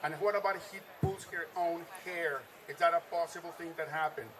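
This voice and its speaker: A man's voice: a little high, fairly even intonation, a little fast, a bit bright. A man hosting a live stream from a trade-show floor, reading viewer comments aloud and echoing his guests' answers in an upbeat way. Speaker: livestream host.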